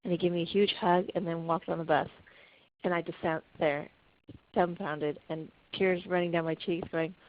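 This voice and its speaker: A woman's voice: lowish voice, flat delivery, normal speed, slight background noise. A woman camp director telling a heartfelt story in a webinar, earnest and full of restarts. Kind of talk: webinar talk. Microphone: conference call. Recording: muffled conference call audio.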